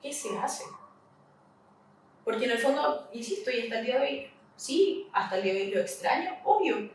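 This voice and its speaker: A woman's voice: a little high, big pitch swings. Chilean woman in an echoey room. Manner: halting, repeats herself, voice rises in retold questions. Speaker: podcast guest. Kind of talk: recounting a personal loss in an interview. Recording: echoey room, mic at a distance, faint hiss.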